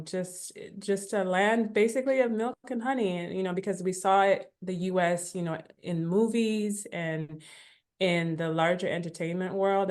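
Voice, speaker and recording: A woman from Africa, appearing as a podcast guest, tells her immigration story in a casual, reflective way peppered with "you know" asides. Her voice is on the low side and a little mellow.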